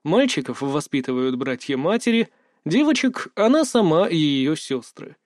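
A man's voice: a little high, very animated, moderate pace, no room sound. Man narrating an audiobook, dry close sound. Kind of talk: first-person audiobook narration.

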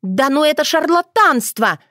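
A brash, quarrelsome young village girl from an audiobook fairy tale, as a woman narrator puts her on. Her voice is pushed high and loud, with wide, jumpy swings and a shrill, indignant edge. The sound is close and dry. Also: big pitch swings, unhurried, dry recording, heavily acted.

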